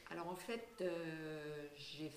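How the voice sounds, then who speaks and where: A woman's voice: low voice, steady tone, slow pace, roomy sound, slight background noise. An older woman being interviewed, talking casually and hesitantly with many fillers and light laughs. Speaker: singer and voice actress, guest.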